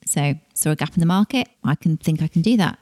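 A woman's voice: deep voice, lively intonation, quick pace, darkish tone. A woman hosting a wedding podcast, chatting casually and laughing easily. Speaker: podcast host and wedding brand founder.

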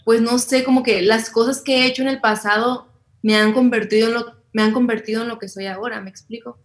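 A young woman with a Mexican accent, an interview guest who tells lively stories, acting out what others said and laughing often. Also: a little high, fairly quick. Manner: animated storyteller, acts out quotes, laughs often. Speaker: interview guest, content creator. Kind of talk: casual interview chat.

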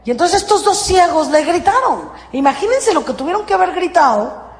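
A woman with a Mexican accent giving an inspirational sermon, dramatic and swinging between hushed and raised voice. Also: very high-pitched, lively intonation, fairly quick. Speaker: motivational spiritual speaker. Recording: echoey hall with long reverb.

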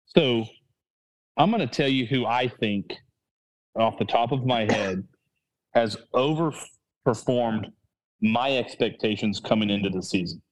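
A man with a child hosts a casual sports podcast, his thinking-aloud speech rambling and full of restarts and self-corrections. His medium-pitched voice is measured and pauses often, captured on poor audio.

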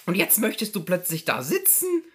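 A woman voicing a fussy, reproachful middle-aged housewife in a comedy sketch, speaking in a high, insistent, scolding voice. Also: wildly swooping pitch, moderate pace. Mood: nagging.

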